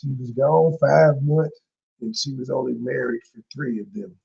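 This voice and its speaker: Man, reaction host, sarcastic, blunt, cursing, gravelly voice. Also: medium pitch, normal speed, mellow, dull audio. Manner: blunt, mocking, casual cursing. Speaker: commentary channel host.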